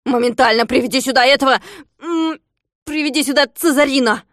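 A woman's voice: mid-range voice, fairly even intonation, normal speed, no echo, studio quality, natural voice. A woman voicing a furious bald rich male landowner who screeches orders and insults in a storybook reading. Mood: shrieking furious. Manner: screeching, ranting, bossy insults. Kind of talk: audiobook character voice.

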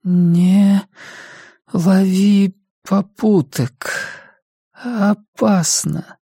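A man's voice: high voice, steady tone, creaky, dark tone, husky, no echo, studio quality, pitched above the performer's own voice, exaggerated voice. A man voicing a frail whispering old mother. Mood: weak, tender. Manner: faint, slow, whispery. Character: weak old bedridden mother, tender.

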